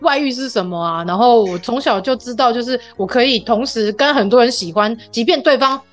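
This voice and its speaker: Animated woman telling stories. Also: on the high side, brisk, soft background music. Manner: animated storytelling, acts out her child's questions. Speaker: podcast host. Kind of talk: casual chat.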